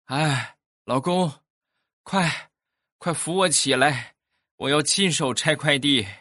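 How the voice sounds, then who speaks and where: A man's voice: a little high, slow pace, bright, forceful tone, pitched above the performer's own voice, heavily acted. A man voicing his wife in a comic story, a melodramatic new mother. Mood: urgent.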